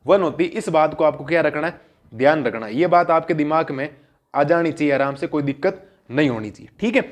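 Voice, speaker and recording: A high-voiced man takes students through a classroom math lesson. He keeps asking questions and answers them himself, and he repeats each key point so it sticks. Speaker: math teacher.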